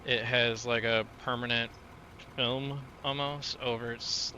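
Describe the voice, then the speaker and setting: A gaming streamer from Illinois with a Midwestern American accent speaks slowly and flatly in a mid-range voice, with background noise behind him. He rambles loosely to his chat while playing, his talk full of filler.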